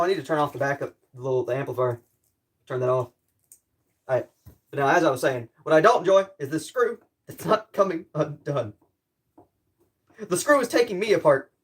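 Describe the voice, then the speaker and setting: Male streamer, slightly high voice, rambling wry commentary while working with tools. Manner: rambling, jokey self-deprecating running commentary. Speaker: livestreamer. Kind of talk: casual livestream chat while tinkering.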